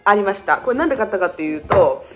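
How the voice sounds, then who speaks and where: Here a Fukuoka-based beauty vlogger in her twenties breezes through a shopping haul, playfully going off on tangents and teasing herself. She's animated, her pitch moves around a lot, and music plays in the background.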